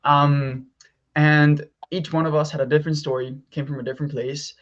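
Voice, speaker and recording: A man's voice: a little high, flat delivery, normal speed, highs cut off. A young man from Mexico, a youth delegate, speaking earnestly with frequent ums over a video call. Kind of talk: online presentation.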